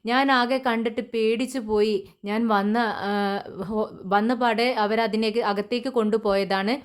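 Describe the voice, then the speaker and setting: Woman reading a shaken mother after a crash; halting, tearful, slightly high voice. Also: fairly even intonation, close to an everyday voice. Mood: distraught. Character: distraught young mother after a car crash.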